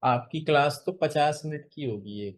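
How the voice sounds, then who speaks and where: A man tutoring beginners in spoken English over a video call, patient and encouraging, repeating example phrases slowly. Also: a little high. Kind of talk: online spoken English lesson.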